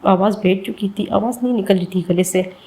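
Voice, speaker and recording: A woman's voice: medium pitch, fairly even intonation, fairly quick, mellow, low-quality recording. A woman narrating a dramatic serialized love story, emotional and speaking to listeners as guys.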